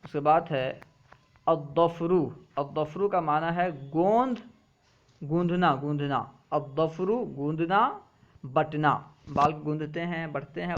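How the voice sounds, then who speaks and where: A man teaching a lesson, reading each word with its meaning and then repeating both in a steady drill. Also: a little high. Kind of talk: reading a vocabulary list aloud with meanings. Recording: dull, muffled lo-fi recording.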